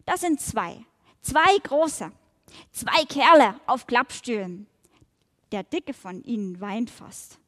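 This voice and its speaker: Her pitch sits fairly high and swings widely as she reads a children's story to a large hall. Afterward she reflects on it gently and at a measured pace.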